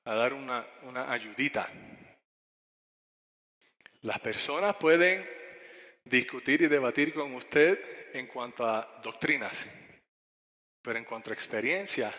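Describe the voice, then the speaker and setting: A male preacher giving a sermon, telling a story to young people and speaking straight to them with questions. His voice is bright and forceful, and it rings with a long hall reverb. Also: mid-range voice. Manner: direct, addresses the audience with questions.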